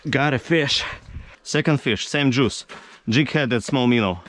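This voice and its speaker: A man in his thirties talking to camera from an ice-fishing tent, in broken non-native English and breaking into excited exclamations. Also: medium pitch, measured pace, a little hiss or hum. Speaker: fishing vlogger. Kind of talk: casual vlog narration to camera. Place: inside an ice-fishing tent on a frozen lake. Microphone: action camera mounted in the tent.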